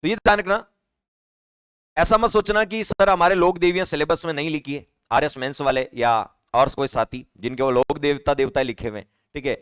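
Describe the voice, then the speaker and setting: A man's voice: on the high side, steady tone, a little fast, a bit bright, clean tone, no room sound, clean studio sound. A male teacher giving a live online exam-prep class, chatty and repetitive, often asking his students questions. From Rajasthan, India.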